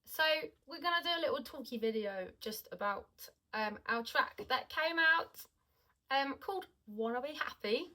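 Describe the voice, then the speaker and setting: A woman with a bright, clear-toned voice chats casually about her own music. She pauses often, filling gaps with ums and restarting her sentences. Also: high-pitched, expressive, poor audio. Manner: hesitant, many ums and restarts. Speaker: singer and podcast co-host. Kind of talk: casual chat.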